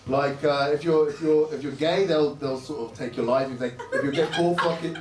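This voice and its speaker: A man's voice: a little high, steady tone, normal speed. A brash young man who grew up in Saudi Arabia, hosting a comedy club night, doing crowd work with lots of swearing and laughing at his own jokes. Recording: roomy club sound from far off, crowd noise. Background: audience laughing and cheering.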